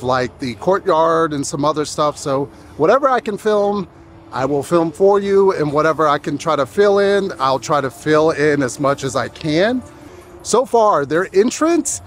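At a haunted attraction outdoors at night, a man with a highish voice hosts a casual event vlog, narrating and chatting as he walks around. There's slight background noise.

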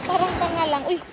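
A woman vlogging outdoors by the sea, chatty and playful. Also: very high voice. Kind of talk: casual outdoor vlog. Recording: loud waves and outdoor noise. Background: sea waves.

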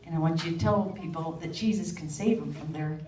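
A woman speaking as an earnest grown man, a reformed dog-sled driver, telling his confession in a low, solemn way. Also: brisk, darkish tone, close to an everyday voice. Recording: echoey room, distant mic, crowd.

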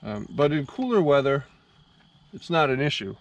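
A man vlogs casually about his motorcycle, halting often with many ums and restarts and swinging widely in pitch. Later he talks through a helmet mic in his full-face helmet while riding the highway, giving a how-to. The audio is muffled, with loud wind and road noise.

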